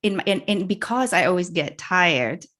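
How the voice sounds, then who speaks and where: A middle-aged Indonesian woman, a podcast guest in a casual interview, reflects aloud and laughs often as she restarts her sentences. Her voice is on the low side and fairly bright, with lively intonation and a moderate pace.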